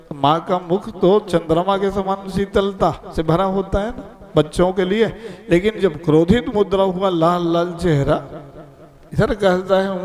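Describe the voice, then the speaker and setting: A man preaches a devotional story in a high voice, moving unhurriedly. He breaks into Sanskrit chants and explains their grammar like a lively storyteller. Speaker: katha preacher.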